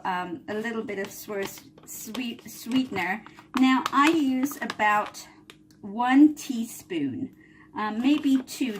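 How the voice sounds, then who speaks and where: A woman's voice: on the high side, background noise. A woman hosting a home cooking video, explaining a recipe in a casual, chatty way and often checking in with "all right?". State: coughing a little from chili fumes. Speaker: cooking channel host. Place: home kitchen.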